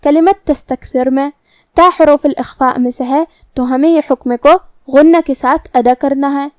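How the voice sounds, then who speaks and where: Brief: female recitation teacher, high voice, dry close sound, methodical and patient. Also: steady tone, dry recording. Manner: methodical step-by-step explanation with drawn-out recitation. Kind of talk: tajweed lesson, explaining then reciting slowly.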